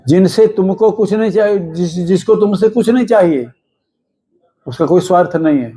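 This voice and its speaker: A man with a fairly high voice speaks to his listeners in a devotional discourse. His tone is mellow and warm. He keeps asking rhetorical questions and sometimes slows into chanted scripture verses. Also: breathy edge. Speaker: religious storyteller.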